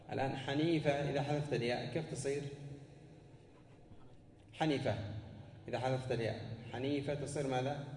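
A man's voice: mid-range voice, a little mellow, echoey room, long reverb tail, recorded from a distance, a little hiss or hum. A man teaching a grammar lesson, asking questions and answering them himself and repeating words for emphasis. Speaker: teacher of Arabic morphology. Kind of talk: classroom lesson explaining grammar.

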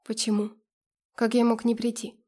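A woman's voice: a little high, monotone, normal speed, breathy edge. Woman reading remorseful young man, tender, apologetic, audiobook. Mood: pleading. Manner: gentle, apologetic.

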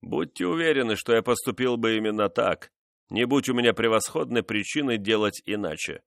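A man's voice: mid-range voice, creaky, a bit bright, dry recording, clean studio sound. Man playing a cruel, mocking nobleman. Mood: menacing. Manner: mocking, menacing, measured. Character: cruel vengeful nobleman, menacing husband.

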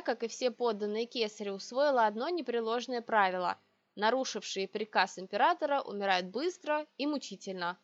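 A woman narrating a first-person audiobook in a measured, reflective way, recorded a little dull. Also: a little high, dry recording.

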